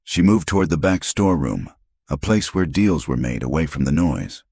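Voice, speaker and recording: A man reading a western audiobook as narrator, measured and dramatic. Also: a bass voice, animated, darkish tone, husky, no room sound, studio quality. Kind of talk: scripted narration.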